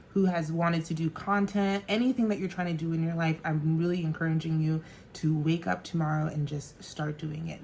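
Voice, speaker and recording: Bubbly thirties woman, lower voice, vlogging at home with faint background hiss. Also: darkish tone. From New Jersey. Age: 30s. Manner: bubbly, chatty, laughs often. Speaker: makeup artist and vlogger. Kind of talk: casual get-ready-with-me chat.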